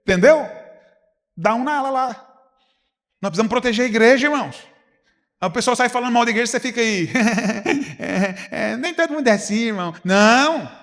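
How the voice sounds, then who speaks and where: A man's voice: extremely high pitch, expressive, brisk, long pauses, a bit bright, big-room sound. A man preaching a conversational sermon with a Goiás Brazilian Portuguese accent, acting out little dialogues and asking his listeners rhetorical questions. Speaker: pastor. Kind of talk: sermon at a leaders' retreat. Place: church hall.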